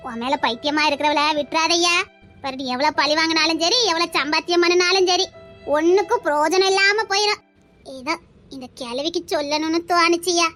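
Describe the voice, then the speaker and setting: A woman's voice: very high voice, brisk, pushed and bright, soft background music. A woman playing an old Tirunelveli grandmother. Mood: gentle counsel. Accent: Tirunelveli Tamil. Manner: soothing, earnest counsel. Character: kindly old grandmother, gently advising.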